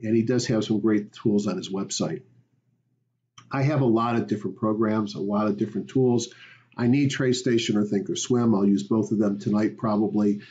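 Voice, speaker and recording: Mellow-voiced man giving a market review. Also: fairly low pitch, fairly even intonation, moderate pace, dull audio. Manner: conversational, rambling with fillers. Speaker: stock market educator. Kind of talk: weekly market review screencast.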